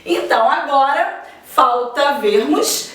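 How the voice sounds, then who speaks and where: A woman teacher gives a slow, deliberate grammar lesson and stretches out her example words. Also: sits high, fairly bright tone, far from the mic. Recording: echoey room, voice off-mic.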